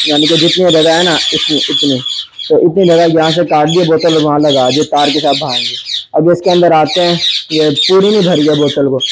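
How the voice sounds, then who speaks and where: Exasperated man vlogging among squawking birds. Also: fairly high pitch. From Pakistan. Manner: exasperated, complaining chatter. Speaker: bird keeper vlogger. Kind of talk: casual vlog narration. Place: indoor bird aviary. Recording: noisy aviary with bird squawks. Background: birds chirping and squawking.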